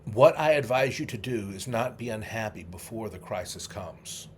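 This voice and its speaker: A middle-aged man, a memory trainer, leading a guided memory exercise, coaching the listener through vivid images with slow, drawn-out repetition. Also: on the low side, expressive, slight background noise. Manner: slow, drawn-out repetition with sudden loud "ta-da" bursts; vivid, coaxing visualization instructions.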